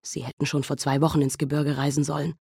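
A woman reading an audiobook voices a young male army officer who speaks quietly with a trembling voice. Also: low voice, level tone, quick pace, creaky, husky, dry recording, clean studio sound, full character voice. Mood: shaken.

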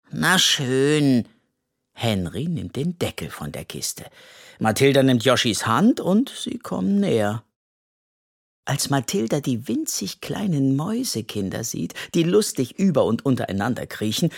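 Gentle, animated narrator for a children's audiobook. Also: mid-range voice, vocal fry. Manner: gentle, lively reading. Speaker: storyteller.

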